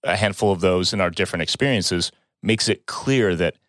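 A man's voice: low-pitched, moderate pace, a bit bright, no echo, clean studio sound. A man co-hosting a podcast, talking reflectively in a casual chat. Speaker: podcast co-host.

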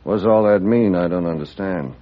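An actor playing a scornful American railroad boss of the Old West, folksy and blunt, in a radio western. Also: male voice, low voice, normal speed, close to an everyday voice. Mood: casual. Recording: dull old radio recording.

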